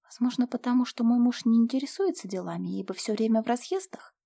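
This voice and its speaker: Brief: woman playing a composed young lady of the manor, cool and firm, slightly high voice, storybook reading. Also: fast, vocal fry, warm tone, no room sound, clean studio sound. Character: calm, firm young noblewoman managing an estate.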